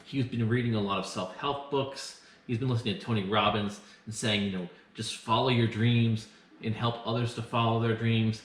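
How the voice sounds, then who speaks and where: A man's voice: on the low side, steady tone, normal speed. A tipsy man getting drunker as he hosts a casual film review, rambling with sarcasm and crude language. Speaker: host of a movie review show. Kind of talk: casual banter reviewing films. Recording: echoey, roomy sound.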